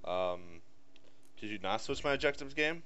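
A man's voice: on the low side, animated, moderate pace, sharp tone, smooth. A man giving casual playthrough commentary, sardonic, complaining and sweary. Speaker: gamer. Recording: slightly dull lo-fi mic.

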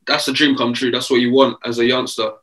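An eighteen-year-old man from England answering interview questions in a relaxed way over a video call, with plenty of fillers. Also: mid-range voice, brisk, rough recording. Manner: relaxed, easygoing, many fillers. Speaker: footballer guest. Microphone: video call webcam.

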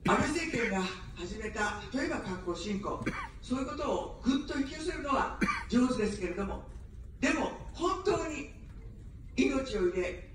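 A woman's voice: mid-range voice, a little hiss or hum. A woman running for office gives an evening outdoor campaign speech in standard Japanese, mixing jokes with earnest appeals for votes. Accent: none, standard Japanese. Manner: joking then earnestly pleading. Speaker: election candidate. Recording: very echoey distant street PA sound.

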